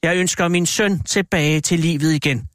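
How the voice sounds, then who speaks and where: A man's voice: a little high, steady tone, no room sound, clean studio sound, pitched above the performer's own voice, close to an everyday voice. A man reading an audiobook, voicing a frightened, weary old man who speaks hesitantly and with a trembling voice. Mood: fearful.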